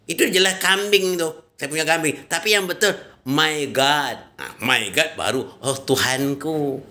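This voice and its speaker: A man's voice: mid-range voice, sharp tone. A man giving an informal religious talk, emphatic and colloquial, with frequent "ya" and "nah" tags. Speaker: religious preacher.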